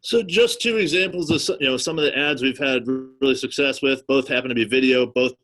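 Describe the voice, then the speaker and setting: A man's voice: mid-range voice, fairly quick, a bit bright, faint music behind, low-quality recording. A man giving an informal marketing presentation in a wordy, hesitant way, often saying "you know". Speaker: guest presenter on car dealership marketing.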